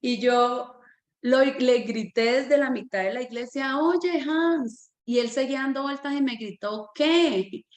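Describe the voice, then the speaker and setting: A woman who directs a Sunday school, telling a personal testimony in a church teaching as a lively storyteller. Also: a little high, normal speed, roomy sound.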